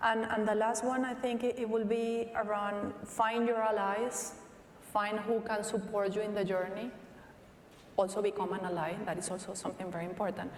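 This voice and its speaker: An earnest woman with a Venezuelan accent speaks slowly and thoughtfully, often restarting her sentences. She is heard from some distance in a big echoing hall, with a long reverb tail and faint hiss behind her. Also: mid-range voice, flat delivery. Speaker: interviewee, company tech leader. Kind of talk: onstage conversation. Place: large hall at a live event. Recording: echoey hall from far off.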